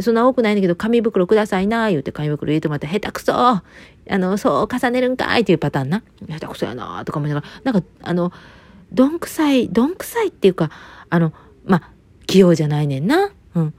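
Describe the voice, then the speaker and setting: A woman's voice: fairly low pitch, darkish tone, no echo. A woman with a Kansai accent rambling in a casual solo monologue, chatty and joking, with lots of fillers and asides. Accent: Kansai Japanese.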